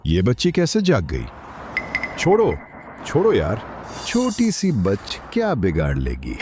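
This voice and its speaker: A man's voice: medium pitch, huge pitch swings, unhurried, background noise. An actor playing a gloating, menacing kidnapper who mocks his captives in a dubbed drama. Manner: mocking, menacing. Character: gloating adult male kidnapper.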